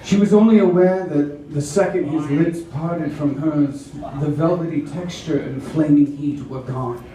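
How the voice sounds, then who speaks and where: A man gives a mock-dramatic, theatrical reading of erotic romance fiction, drawing it out slowly in a dark tone and a voice fairly high for a male reader. He is recorded from far off in a roomy, very echoey venue, with noise from the live audience.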